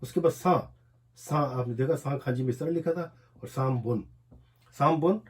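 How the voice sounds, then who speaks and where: A man with an Urdu accent teaching a language lesson, explaining as he writes and repeating each word slowly, syllable by syllable. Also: mid-range voice, darkish tone, slight background noise. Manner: repetitive, drills words slowly one syllable at a time. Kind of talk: explaining a lesson while writing on a board.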